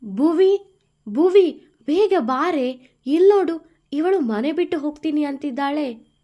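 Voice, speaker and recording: A woman voicing a concerned elder woman of the house, loud and coaxing. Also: on the high side, lively intonation, a little slow, lo-fi sound. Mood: worried, coaxing.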